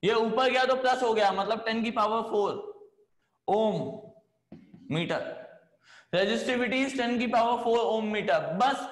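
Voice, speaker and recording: A man's voice: sits high, measured pace, echoey room. A man teaching physics in a chatty lecture, coaxing his students along. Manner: chatty, coaxing, says "है ना" often. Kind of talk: classroom lecture.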